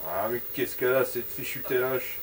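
A man's voice: mid-range voice, fairly even intonation, moderate pace, lightly acted. An actor playing a grumbling, exasperated television repairman in colloquial radio drama dialogue. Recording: off-mic with faint background noise.

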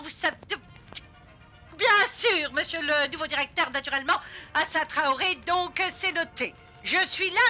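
A woman's voice: very high-pitched, sharp tone. A woman hosting a comic radio sketch, fussy and flustered, deferring to her boss. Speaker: radio show host. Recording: faint music under the voice.

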